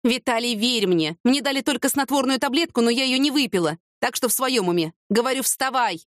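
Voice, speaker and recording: Woman voicing a fiery, high-pitched young woman. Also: no room sound, clean studio sound, natural voice. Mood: insistent. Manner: heated, emphatic, quick retorts. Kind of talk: audiobook character reading.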